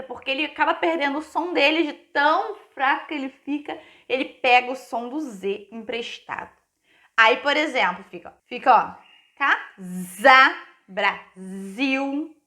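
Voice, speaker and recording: Brazilian woman, primary teacher, higher voice, encouraging and chatty with small children. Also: fairly bright tone. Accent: Brazilian Portuguese. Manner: encouraging, sing-song, checks in often with "ok?" and "né?". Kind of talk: remote class for young children.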